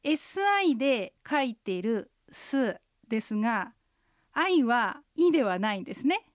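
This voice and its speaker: A woman co-hosting a radio language lesson, slowly and carefully explaining how sounds are pronounced. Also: fairly high pitch, sing-song, no echo, clean studio sound. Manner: slow, careful explanations of pronunciation. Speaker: Chinese language instructor and co-host. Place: radio studio.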